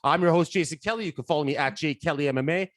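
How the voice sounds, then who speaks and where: A Canadian man hosts a podcast, introducing the show and asking questions in a casual, friendly manner loose with fillers. His voice is on the high side and very fast, recorded in a clean studio with no echo.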